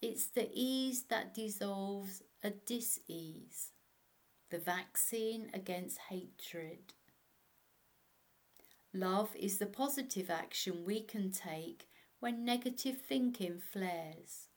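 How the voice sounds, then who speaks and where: A woman narrating a guided meditation as an instructor, in a measured way. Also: medium pitch. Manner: slow, measured, instructional delivery.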